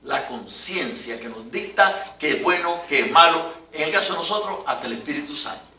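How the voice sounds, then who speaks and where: Older preacher, bright tone, echoey church. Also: male voice, fairly high pitch, normal speed, far from the mic. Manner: animated, rising to emphatic peaks, chuckling asides. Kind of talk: sermon.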